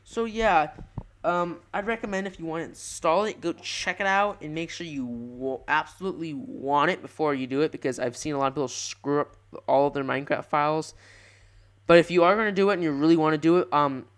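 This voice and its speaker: A young man giving rambling, excitable live commentary over his own gameplay, often restarting his sentences. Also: fairly high pitch, fairly quick, clean tone. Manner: rambling, self-correcting, excitable. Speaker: gaming channel host.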